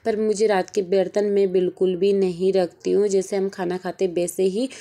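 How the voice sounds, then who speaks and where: A woman's voice: mid-range voice, little pitch movement, normal speed, dark tone. A young woman with a Malwi Hindi accent, narrating her day at home in a chatty, rambling vlog style, sounding tired. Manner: chatty, homely, rambling with many fillers. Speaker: vlogger. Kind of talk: casual daily-life vlog narration. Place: home kitchen.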